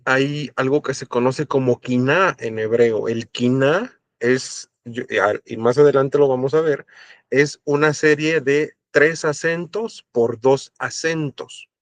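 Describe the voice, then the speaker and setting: A man's voice: mid-range voice, no echo. Man teaching a casual Bible lecture. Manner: conversational teaching, frequent fillers and tag questions.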